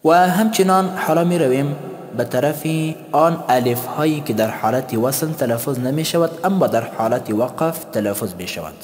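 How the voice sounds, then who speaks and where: A man teaching a tajweed lesson. He explains slowly and chants the example words. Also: mid-range voice, lively intonation. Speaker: Quran recitation teacher. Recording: long hall reverb.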